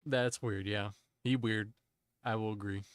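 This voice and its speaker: A man's voice: fairly low pitch, steady tone, a little slow, clear, resonant tone, no echo, clean studio sound. Playful man in casual gaming chat. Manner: playful, jokey, self-teasing. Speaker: streamer playing an online game with friends. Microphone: desk microphone.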